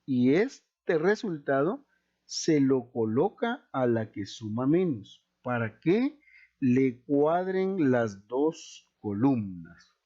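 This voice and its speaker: Guy teaching accounting real slow, voice swoops up and down a lot, kinda muffled lo-fi sound. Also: mid-range voice, sing-song, dark tone. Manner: emphatic, repeats key points and asks rhetorical questions. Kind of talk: slow, deliberate classroom explanation.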